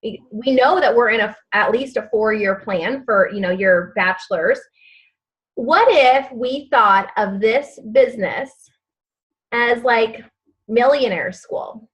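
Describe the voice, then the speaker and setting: A woman's voice: a little high, takes it slowly, a bit bright, low-quality recording. Chatty upbeat woman leading a live training. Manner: chatty and upbeat, many fillers; gives step-by-step instructions, repeats key phrases. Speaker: direct-sales team leader. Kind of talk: live online training session.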